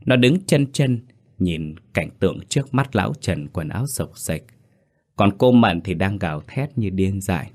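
A man's voice: sits low, lively intonation, normal speed. A man narrating a horror story with an intense, dramatic delivery. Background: faint music.

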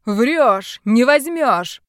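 A woman voicing a boastful middle-aged male psychic who shouts brashly. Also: medium pitch, lively intonation, moderate pace, dry recording, clean studio sound, lightly acted. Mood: yelling. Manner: brash loud exclamations.

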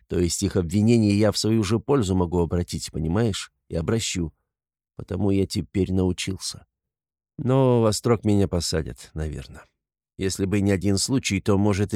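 A man playing a tormented, gloomy young man who speaks bitterly and often quietly in a storybook reading. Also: deep voice, dry recording, studio quality.

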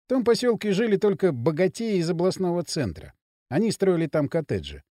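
Expressive male audiobook narrator. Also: high voice, brisk, dry recording, studio quality. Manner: expressive reading.

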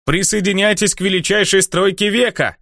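Finiamin, a man doing a brash shouting herald. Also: on the high side, animated, no echo, studio quality, pitched above the performer's own voice. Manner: cheeky, taunting, rapid patter. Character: brash loud young male herald player.

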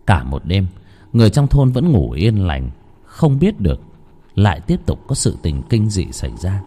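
A man narrating a horror story in an expressive, dramatic reading. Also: fairly low pitch, normal speed.

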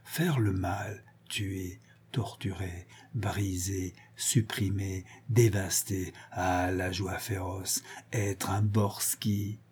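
A man playing a vengeful storybook villain, ranting, gloating, mellow husky voice. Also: medium pitch, lively intonation, a little slow. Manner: ranting, gloating, swings from shouts to hisses. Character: cruel, unhinged middle-aged male villain, vengeful. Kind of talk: audiobook character reading.

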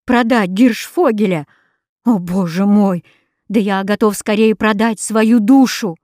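A woman's voice: fairly high pitch, lively intonation, slow pace, a little mellow, no room sound, clean studio sound, pitched above the performer's own voice. A woman voicing an anguished, defiant young boy in an audiobook, speaking in bitter, pleading outbursts. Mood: outraged.

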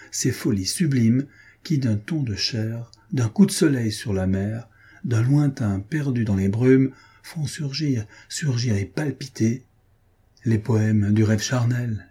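A man narrating a classic short story as an audiobook, measured and expressive. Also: mid-range voice, husky.

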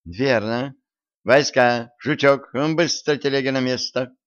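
A man voicing a bossy young woman, a witch's granddaughter, in a storybook reading with brisk, commanding talk over dull lo-fi audio. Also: mid-range voice, no echo, close to an everyday voice.

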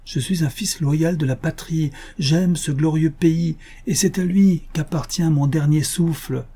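Brief: man doing a defiant young hero, big declamatory delivery, husky tone. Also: on the high side, a little slow, dark tone, voice pushed up. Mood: impassioned. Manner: impassioned, ringing declamation. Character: proud young male frontier hero, fiercely patriotic. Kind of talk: audiobook character voice.

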